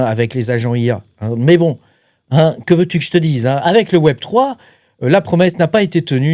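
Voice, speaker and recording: A man's voice: a little high, darkish tone, no echo, studio quality. A man hosting a crypto channel, talking casually to the viewer with lots of fillers and a tag question after almost every phrase. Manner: chatty, filler-heavy, keeps adding "hein". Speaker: crypto mining channel host. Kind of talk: casual explainer talking to camera.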